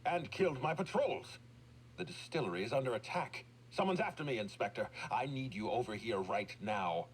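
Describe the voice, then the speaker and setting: Man playing an imperious businessman, animated delivery. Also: mid-range voice, normal speed, slight background noise, close to an everyday voice. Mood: alarmed, urgent. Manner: commanding, formal, exasperated. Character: imperious, indignant businessman hiring an investigator.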